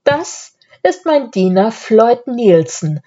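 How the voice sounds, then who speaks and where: A woman's voice: a little high, sing-song, takes it slowly, mellow, lo-fi sound, voice pushed up, full character voice. A woman playing a genial castle count. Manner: hearty, welcoming. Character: genial welcoming male count, lord of a castle.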